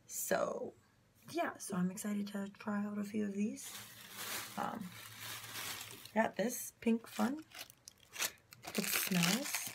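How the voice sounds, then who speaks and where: A young woman in casual vlog chat at home, talking into a phone held at arm's length, chatty and rushed, often dropping into a whisper. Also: mid-range voice, creaky, noisy background. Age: young adult. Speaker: vlogger. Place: home bedroom, indoors.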